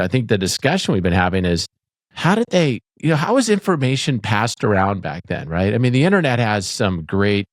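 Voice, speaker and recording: A podcast co-host with a lowish voice chats casually, joking and laughing often. The studio sound is clean, with no echo.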